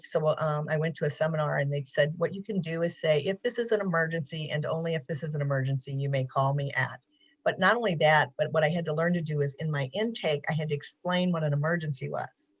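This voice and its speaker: Woman counselor chatting over a video call, lots of ums and little laughs, dull muffled sound. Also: low-pitched. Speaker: mental health counselor. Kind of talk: casual presentation on a video call.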